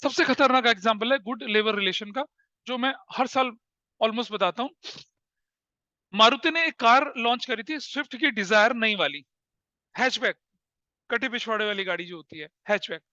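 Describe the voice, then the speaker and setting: Mixing Hindi and English, a male commerce teacher with a very high, bright voice lectures at a moderate pace. A lively storyteller, he laughs at his own anecdotes. The lo-fi classroom audio is dry, a little dull, and has no echo.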